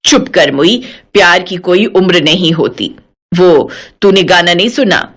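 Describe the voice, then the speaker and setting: A woman putting on a sixty-year-old widowed mother-in-law from an animated storybook, her voice dropped low and heavy. She scolds and scoffs in a sharp-tongued, scornful way. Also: measured pace, slightly rough, exaggerated voice. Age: 60s.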